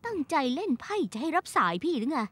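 A woman dubbing a sharp-tongued wife who snaps back at her husband, in a Thai TV drama dub. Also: very high-pitched, big pitch swings, fast talker, dry recording, heavily acted. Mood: defensive. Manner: snappy, scornful.

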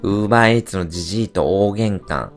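A man livestreaming in casual chat, telling stories in an animated, rough and slangy way. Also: low-pitched, moderate pace, faint music behind. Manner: animated ranting storyteller, rough slangy speech.

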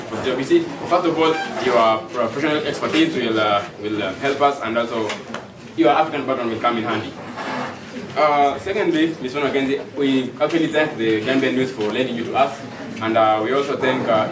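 A man playing a news bureau chief in an amateur stage play, speaking haltingly with many fillers. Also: mid-range voice, natural voice. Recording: roomy, distant mic with noise.

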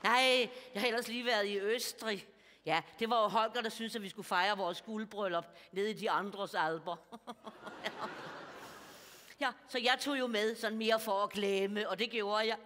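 Woman playing a bawdy old lady, bright and forceful, stage mic with a long hall echo. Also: medium pitch, steady tone, a little hiss or hum, lightly acted. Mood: gossipy. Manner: gossipy, bawdy, confiding, chuckling at her own jokes. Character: bawdy chatty older woman of about seventy. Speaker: comedian. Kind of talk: stand-up character monologue.

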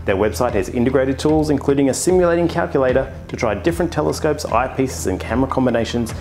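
Australian male host, mid-pitched, quick deadpan ad-read delivery. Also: faint music behind. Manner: deadpan mock-salesman delivery. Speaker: astronomer and channel host. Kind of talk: comedic sponsor read.

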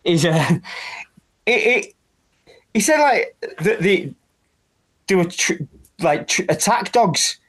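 A man's voice: sits high, animated, slow, pauses often, a bit bright. A middle-aged man co-hosting a casual podcast, telling wrestling stories and laughing along as he goes. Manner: storytelling, laughs through his anecdotes. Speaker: podcast co-host. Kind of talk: casual chat.

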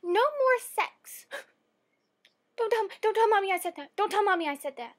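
A woman acting out herself as a little girl of six, eager and innocent, in a high, piping childish voice. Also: expressive, slow, heavily acted. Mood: alarmed.

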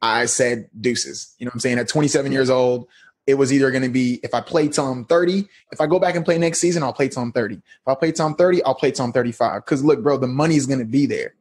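A man in his thirties telling his story as a podcast guest, relaxed and slangy. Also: medium pitch, fast talker, husky. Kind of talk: casual interview talk.

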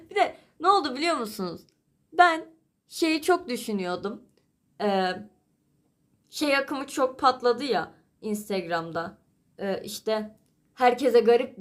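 A young woman vlogging in casual chat, chatty and exasperated, with quick asides. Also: mid-range voice.

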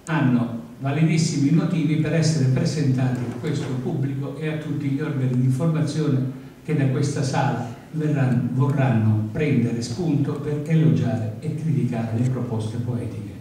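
An older man reading his poetry and chatting between poems at a panel table in a large lecture hall, with emphatic pauses and hesitant asides, recorded by a distant camera. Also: mid-range voice, warm tone. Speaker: poet reading at a book event. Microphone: far camera. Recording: very echoey hall from far off, faint noise.

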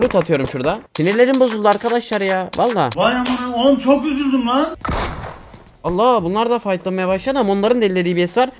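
A man talks through a mobile shooter match in loose, lively commentary, calling out enemies and joking with teammates. Faint gunfire and game noise sit behind his voice. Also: high-pitched. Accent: Turkish. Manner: excitable, swears casually, talks to viewers and teammates. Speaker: gaming YouTuber. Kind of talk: casual gameplay commentary.

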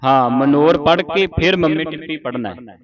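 A man's voice: fairly high pitch, lo-fi sound, a crowd in the background. A man teaching scripture pronunciation, reciting line by line and having students repeat, sometimes singing phrases. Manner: slow, syllable-by-syllable drilling with sung phrases.

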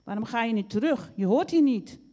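A woman voicing a spiteful, excitable young female pig in a storybook, with a shrill, indignant way of talking. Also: moderate pace, slightly rough. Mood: hostile.

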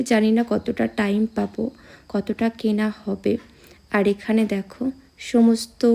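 A young woman chatting casually to her viewers in a vlog, her voice a little hoarse from a cold, speaking outdoors on a phone camera. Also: a little high, dark tone. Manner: chatty, addresses viewers directly. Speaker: vlogger. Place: temple grounds outdoors.

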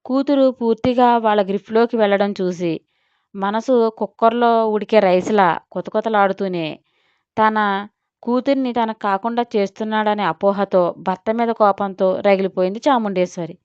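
A woman narrating an audio story in a lively, expressive scripted way. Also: medium pitch, moderate pace, smooth, no room sound. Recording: dull lo-fi, dry.

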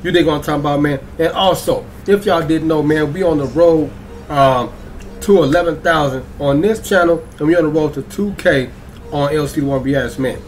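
A young man hosting his reaction channel in an excitable, slangy way, stretching out hype words and throwing in singsong ad-libs. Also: fairly high pitch, normal speed, slight background noise. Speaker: YouTube reaction channel host. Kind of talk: hyped casual vlog intro.

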